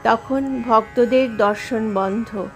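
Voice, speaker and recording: A woman reads a devotional book aloud in a slow, careful storytelling voice. Her tone is slightly high and reverent. Soft devotional music plays faintly behind her.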